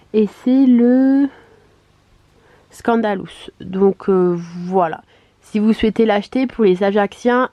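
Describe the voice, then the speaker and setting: A woman chatting casually in a vlog, her voice hoarse, congested and duck-like from swollen tonsils, speaking in a chatty, hesitant way. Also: medium pitch, dark tone, dry recording. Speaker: vlogger. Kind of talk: casual vlog chat to camera.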